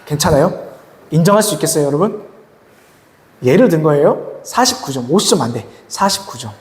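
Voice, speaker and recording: A youth pastor preaches to teenagers in a church hall, speaking fairly quickly in a voice on the high side. He is lively, often asks the audience questions, and acts out quoted voices, while the hall's long reverb makes the recording echoey.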